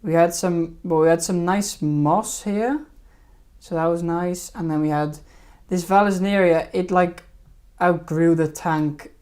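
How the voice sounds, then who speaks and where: A woman's voice: on the low side, steady tone, a little slow, warm tone. A woman hosting a fishkeeping live stream, rambling casually and hesitantly over her old videos. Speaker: fishkeeping channel host.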